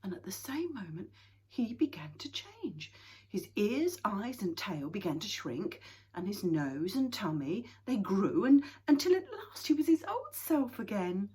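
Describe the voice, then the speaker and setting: A woman reading a children's story aloud in an expressive, dramatic way. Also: medium pitch, unhurried, husky.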